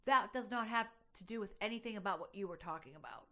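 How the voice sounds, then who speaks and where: A woman's voice: mid-range voice, expressive, fast talker, bright, forceful tone. A woman co-hosting a podcast in casual chat, arguing bluntly and sounding exasperated. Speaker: podcast co-host.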